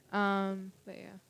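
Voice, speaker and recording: A woman's voice: mid-range voice, a bit bright. A young woman chatting casually on a livestream from her room, giggling and trailing off into tangents with lots of fillers. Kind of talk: casual rambling storytelling. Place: at home, own room. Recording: livestream with background music. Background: music playing.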